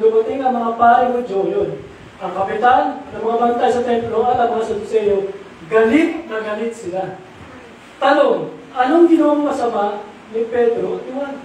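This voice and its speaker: A man's voice: very high-pitched, a little mellow. A middle-aged or older man preaching a sermon, mixing English into his talk and asking the audience questions. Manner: mixes English into Tagalog, asks the audience rhetorical questions. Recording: echoey room from far off, faint noise.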